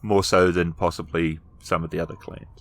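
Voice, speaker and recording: As storyteller for a tabletop roleplaying game, a man describes scenes in improvised fragments, pausing as he searches for words. His voice sits low and his delivery is flat.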